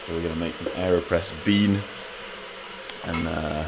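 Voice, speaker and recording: A man's voice: low voice, steady tone, moderate pace, noisy background. A man hosting a casual vlog in a chatty, joking manner. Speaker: vlog host.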